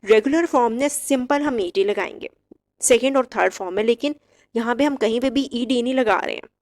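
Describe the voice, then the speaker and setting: Woman slowly drilling English verb forms. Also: on the high side, darkish tone. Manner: slow, drilled word-by-word recitation. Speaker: English teacher. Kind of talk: vocabulary lesson.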